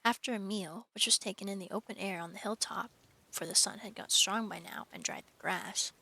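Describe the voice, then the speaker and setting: A woman's voice: mid-range voice, steady tone, brisk, vocal fry, bright, forceful tone, breathy edge, no room sound. Young woman streaming a casual read-aloud. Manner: wry asides, coos to her cat. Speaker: streamer reading a book live. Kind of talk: casual live-stream book reading.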